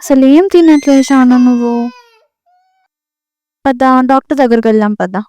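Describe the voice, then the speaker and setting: A woman's voice: sits high, moderate pace, warm tone, smooth, close to an everyday voice. An actress playing a young mother who coaxes and soothes her crying baby in a short film. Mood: worried. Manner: tender, worried, coaxing.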